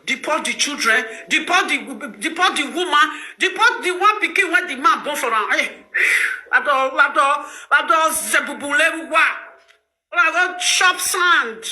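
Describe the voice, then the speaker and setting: A middle-aged Nigerian woman ranting to her viewers in pidgin, loud and laughing as she scolds. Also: high voice, echoey room. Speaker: social media host. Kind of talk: animated pidgin rant to viewers.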